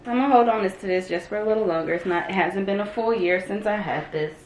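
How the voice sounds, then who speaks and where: A woman's voice: mid-range voice, fast talker. Chatty woman in an echoey room. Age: 30s. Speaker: vlogger. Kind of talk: casual chat. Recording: roomy echo, light room noise.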